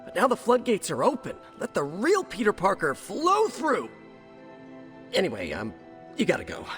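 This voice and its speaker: A young American superhero, a nerdy college kid with a highish, very animated voice. He is chatty and friendly, joking his way through game cutscene dialogue in stops and starts. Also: normal speed, soft background music, heavily acted. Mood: cheerful.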